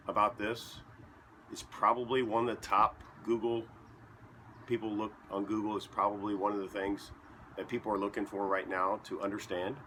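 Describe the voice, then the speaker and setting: A man with a fairly low, bright-edged voice rambles casually in deadpan fashion, tossing in joking asides. He chews as he talks from his basement, with a faint hum of ambience behind him. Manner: talks while chewing. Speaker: vlogger. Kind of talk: casual rambling monologue to camera.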